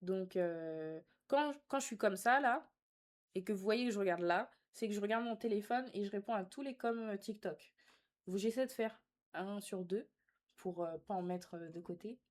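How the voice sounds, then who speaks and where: Her pitch sits in the middle and her pace is moderate as this young woman casually addresses her live stream audience. Sassy and teasing with lots of slang, she shifts between reading comments out and replying to them.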